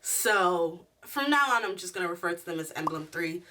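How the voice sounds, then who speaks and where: A woman giving a chatty, slangy video review in an animated, giggly, tipsy, rambling way. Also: lowish voice, moderate pace, far from the mic, background noise. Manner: animated, slangy, acts out quotes. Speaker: reviewer hosting a show review.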